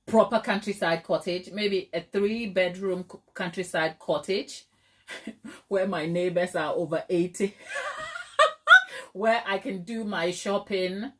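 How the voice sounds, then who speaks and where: This middle-aged Ghanaian livestream host speaks slowly in a mid-range, fairly bright voice with lively intonation. She reads viewer comments in a casual chat, laughing frequently and filling pauses often.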